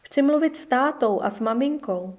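A woman's voice: sits high, animated, a little mellow. A woman reading as a pleading orphan boy. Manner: pleading, wistful. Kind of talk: storybook reading.

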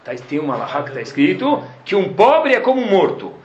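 A man's high voice rises and falls sharply as he teaches a religious lesson. He keeps throwing rhetorical questions back at his listeners and answers them himself. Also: huge pitch swings, brisk, lo-fi sound. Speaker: Torah teacher.

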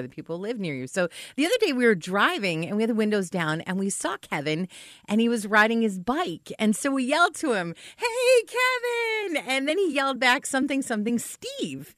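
Lively, chatty radio woman. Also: mid-range voice, no room sound, clean studio sound. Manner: chatty and animated, with laughs. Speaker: radio morning show co-host. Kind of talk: casual chat on morning radio.

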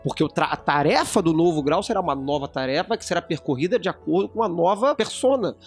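A man's voice: a little high, animated, quick pace, faint music behind. A man co-hosting a casual podcast discussion, explaining at length with frequent restarts. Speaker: podcast co-host.

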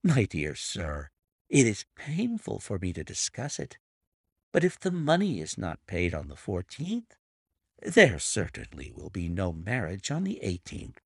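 A man's voice: low-pitched, huge pitch swings, unhurried, husky, dry recording, clean studio sound, full character voice. A man voicing a smug, middle-aged male blackmailer with an oily, mock-sympathetic manner in an audiobook reading.

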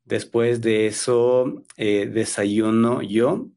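Slow-speaking man in his thirties from Ecuador. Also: on the low side, fairly even intonation, creaky, a little mellow. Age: 30s. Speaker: Spanish teacher, interview guest. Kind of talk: slow, careful conversation for learners.

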